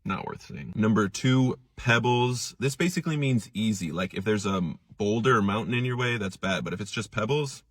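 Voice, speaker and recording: A man, a substitute teacher, explaining made-up slang in a playful deadpan comedy monologue. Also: fairly low pitch, brisk, hardly any pauses, no room sound, clean studio sound. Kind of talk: comedic social media monologue.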